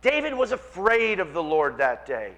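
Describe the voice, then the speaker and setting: Animated high-voiced male preacher. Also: normal speed, low-quality recording. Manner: animated, acts out quoted voices. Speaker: pastor. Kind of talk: sermon.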